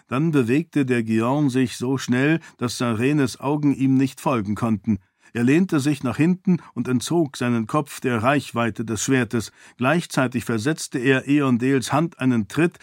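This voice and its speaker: Guy narrating a fantasy audiobook, mid voice, steady, dry close sound. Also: mid-range voice, no room sound. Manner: steady, clear storytelling.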